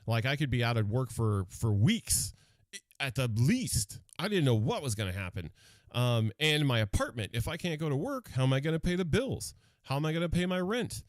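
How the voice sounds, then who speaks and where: A man's voice: mid-range voice, moderate pace. A man tells a personal story on radio in a candid, rambling way, restarting his sentences as he goes. His voice sits in an ordinary middle range. The studio sound is dry and close, with no room echo. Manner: animated, rambling, frequent restarts and fillers.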